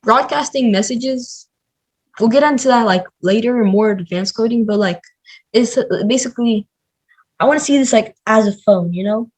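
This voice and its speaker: A man's voice: extremely high pitch, normal speed, low-quality recording. Chatty guy explaining coding, lots of fillers. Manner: chatty, filler-heavy, says "like" a lot. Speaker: coding teacher. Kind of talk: casual screen-recorded tutorial.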